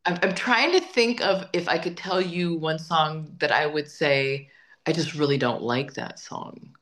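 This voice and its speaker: Being interviewed in a relaxed conversation, a singer-songwriter speaks in a low-pitched, slightly bright voice at a somewhat slow pace. She's chatty and emphatic, and tends to repeat words as she thinks.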